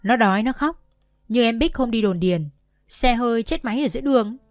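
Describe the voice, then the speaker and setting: Một người phụ nữ đọc lời một cậu bé hiền lành, nói giọng nũng nịu, phụng phịu. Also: female voice, fairly high pitch, lively intonation, fairly quick, no echo, soft background music, natural voice. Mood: pleading. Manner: coaxing, childishly indignant. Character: older boy, soft-hearted and pleading.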